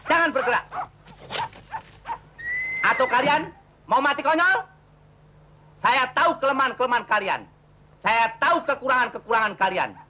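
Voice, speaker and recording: Cowboy outlaw boss: very high voice, grandiose and menacing, old comedy Western with dull sound. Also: male voice, noisy background. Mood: threatening, bargaining. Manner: declamatory, grandiose. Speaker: actor playing a Western villain. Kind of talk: 1970s comedy Western film acting.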